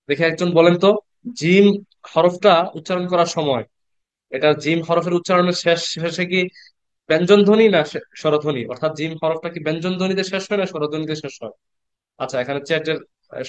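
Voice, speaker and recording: A man teaching Quran reading in an online class, patiently repeating letter sounds slowly and asking the class questions. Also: fairly high pitch, clean tone, no echo. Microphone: computer mic on a video call.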